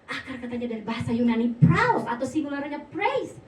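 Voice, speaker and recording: A woman pastor giving a sermon, animated and playful, acting out little voices for humor. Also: sits high, brisk, a little hiss or hum. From North Sumatra, Indonesia. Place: church hall. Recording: echoey hall, voice from a distance.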